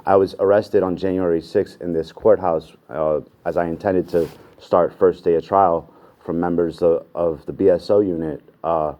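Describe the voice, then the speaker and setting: A man speaks in a deep, low, mellow voice as a self-represented defendant. He argues earnestly and insistently before the court, pressing his objections. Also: fairly even intonation, moderate pace, muffled recording. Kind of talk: courtroom argument.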